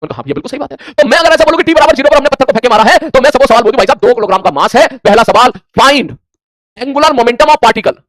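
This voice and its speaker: A man's voice: extremely high pitch, no echo. A man teaching a physics lesson for exam prep. He acts out his students' answers and keeps asking if they follow. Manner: rapid, animated teacher who acts out student replies; addresses students informally, asks checking questions.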